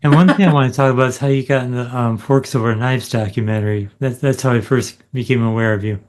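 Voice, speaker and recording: A man's voice: mid-range voice, fast talker. A man co-hosting an interview, mostly giving brief affirmations and asking a question. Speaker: co-host. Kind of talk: interview chat.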